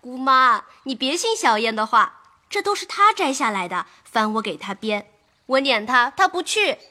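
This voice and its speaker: An actress voicing a lively, quick-tongued young maid who talks back with sarcasm. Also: female voice, high voice, exaggerated voice. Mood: playful. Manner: teasing, then sharp and sarcastic. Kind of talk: audio drama acting.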